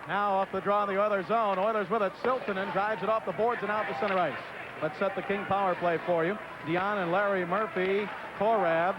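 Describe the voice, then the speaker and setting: High-voiced man calling live hockey. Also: steady tone, brisk. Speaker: ice hockey play-by-play announcer. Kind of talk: live sports commentary. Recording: muffled vintage broadcast, loud arena crowd noise. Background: noisy hockey arena crowd.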